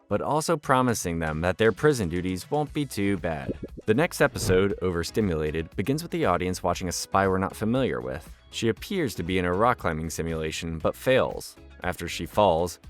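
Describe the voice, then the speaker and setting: A man delivering scripted narration as a recap storyteller, with the occasional wry aside. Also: lowish voice. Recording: music bed behind voice.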